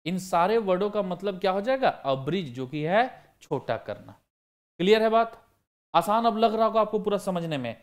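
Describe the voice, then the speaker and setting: A man's voice: sits high, expressive, normal speed. A man teaching vocabulary for exam prep, asking the class questions and answering them himself while repeating the key words. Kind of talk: online vocabulary lesson.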